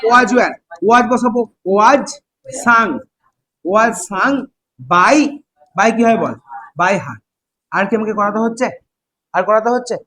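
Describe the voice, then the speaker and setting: A man's voice: high-pitched, a bit bright, poor audio. A man with a Bengali accent teaching an English grammar class, drilling students with repeated questions.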